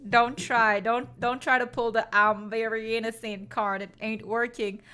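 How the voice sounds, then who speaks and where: A woman's voice: on the high side, steady tone, measured pace, sharp tone, smooth. A young woman streamer chatting casually with viewers, playful and sarcastic, teasing, with many "like" fillers. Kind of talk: casual chat. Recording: faint background music.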